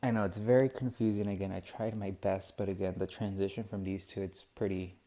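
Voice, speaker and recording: Deep, level and mellow, this young man's voice moves a little fast as he walks his class through scanning a poem. He keeps hesitating, restarting, filling pauses and doubting himself.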